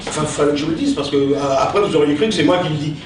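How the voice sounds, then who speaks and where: A man's voice: fairly high pitch, racing. A man performing a theatrical comic stage monologue with hammy, declamatory delivery, like a stage actor reciting. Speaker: sketch comedian on stage. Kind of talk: theatrical stand-up monologue with verse tirade. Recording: echoey hall, distant mic, noisy.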